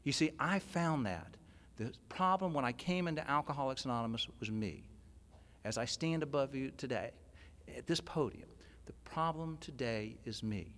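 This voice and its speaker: A man tells his own recovery story from a podium, emphatic and plainspoken. His voice is bright and cutting, pitched in the middle range, and it swings between loud outbursts and hushed, intense passages. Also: expressive, normal speed. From California. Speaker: 12-step workshop speaker. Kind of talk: personal recovery talk at a podium. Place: convention hall.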